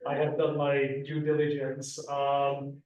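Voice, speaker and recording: Flat-voiced man. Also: medium pitch, slow. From Czech Republic. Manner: repeats words while answering. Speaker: conference panelist. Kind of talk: answering audience questions. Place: conference room. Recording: echoey room, far from the mic.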